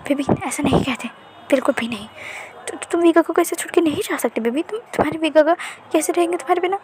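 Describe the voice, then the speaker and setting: A woman voicing a protective, possessive young man who stammers and hushes softly. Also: high voice, fast talker, slight background noise, pitched above the performer's own voice, natural voice. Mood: soothing. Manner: stammering, hushing, soothing.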